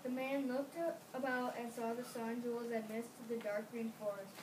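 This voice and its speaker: A child of about nine or ten reads scripted narration as a student narrator for a school readers theater. The voice is medium-pitched and steady at a moderate pace, captured by a distant microphone in a noisy room.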